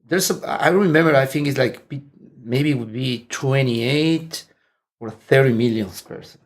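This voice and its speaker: Seated indoors as an interview guest, this martial arts instructor from Mexico, a man in his forties, chats casually in a Mexican Spanish accent. His pitch is medium and his pace moderate. Frequent laughter and restarted sentences run through his talk.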